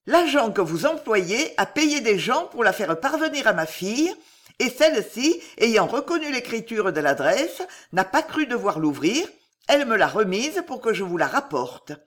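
A middle-aged countess, poised and ironic, speaks with sweeping, lively melody, as a woman reader puts her on. She talks in a storybook register, sure of herself and gently scornful. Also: on the high side, moderate pace. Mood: triumphant. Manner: mocking, smiling, poised. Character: ironic, self-assured aristocratic countess, middle-aged mother. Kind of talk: audiobook character reading.

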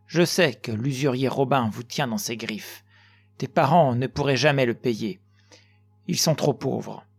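Man voicing a fatherly old master, firm, reassuring, steady tone. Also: medium pitch, a little slow, vocal fry, husky, faint music behind. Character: kind older male master craftsman, steady and fatherly.

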